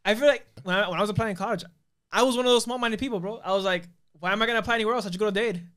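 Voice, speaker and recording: A man's voice: high voice, very fast, fairly bright tone. A man in his twenties hosting a podcast, joking along in laid-back slangy banter. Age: 20s. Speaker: podcast host. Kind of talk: casual interview chat.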